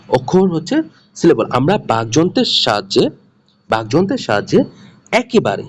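Bangladeshi male tutor, fairly high, very animated pitch, drills terms by repetition, faint hiss behind. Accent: Bangladeshi Bengali. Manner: repeats key terms, asks and answers own questions. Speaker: exam prep teacher. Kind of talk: lecture.

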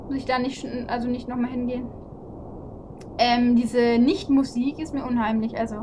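A woman commentating a video game playthrough, excitable and quick to curse and shriek when frustrated. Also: fairly high pitch, noisy background. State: out of breath. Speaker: let's play gamer.

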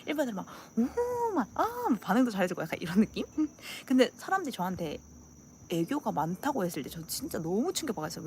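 A young woman from South Korea's Gyeongsang region, speaking with its accent in a medium-pitched, darkish voice, chats casually with her viewers as a channel host. She acts out dialect phrases and laughs often. There is slight background noise.

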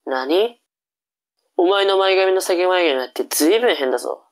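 Cocky big brother, played by a woman: low-pitched, teasing, for comic tongue-twister reading drama. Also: lively intonation, normal speed, lightly acted.

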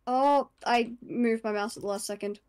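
A woman with a somewhat high voice streams a horror game. She comments casually on her play in the jumpy way of someone who scares easily. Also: normal speed, a little mellow, clear, resonant tone. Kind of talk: casual live gameplay commentary.

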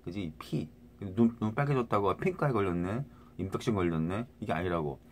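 Very low-voiced man rambling to viewers. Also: fairly quick, a little hiss or hum. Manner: rambling, many restarts, keeps asking "right?". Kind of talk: rambling casual monologue to viewers.

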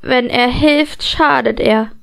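A woman voicing a cryptic young male telepath in an audiobook, speaking slowly in detached riddles. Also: sits high, vocal fry, clear, resonant tone, full character voice. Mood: dreamy. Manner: slow, detached, riddling speech. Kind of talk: audiobook character voice.

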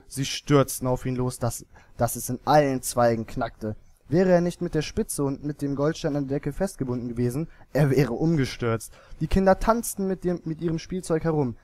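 A man narrating a fairy tale in an expressive storybook manner. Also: on the high side, no echo.

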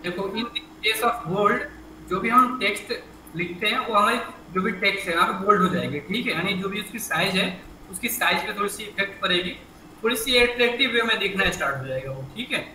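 A man's voice: high voice, a little fast, sharp tone, a little hiss or hum. Echoey male computer teacher. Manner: explains step by step, asks students questions, repeats "ठीक है". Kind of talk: online class teaching. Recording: echoey room mic from a distance.

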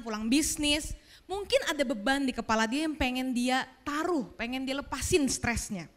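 A woman leads a church talk and turns from her guest to the congregation. She makes her points with rhetorical questions. Her voice is high. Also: a bit bright. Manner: addresses the audience, asks rhetorical questions. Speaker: church speaker, moderator. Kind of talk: sermon with congregation.

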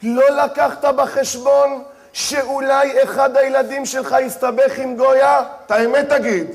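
A man's voice: very high voice, level tone. A man, a rabbi, giving a sermon, speaking straight to his audience and telling the story with dramatic voiced asides.

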